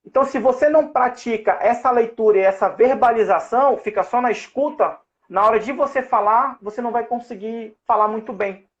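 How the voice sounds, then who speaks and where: A man's voice: very high voice, fairly quick, hardly any pauses. Brazilian man explaining, lo-fi live audio. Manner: didactic, with many fillers and restarts. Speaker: host and safety-at-work English teacher. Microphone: online live call.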